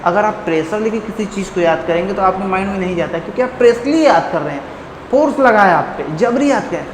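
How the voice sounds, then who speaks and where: A man's voice: high-pitched, lively intonation, fast. Playful male teacher in an echoey room. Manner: playful, jokey, calls listeners "friend", stretches words to show them. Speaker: Hindi grammar teacher. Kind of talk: online classroom lesson. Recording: echoey room with long reverb and faint noise.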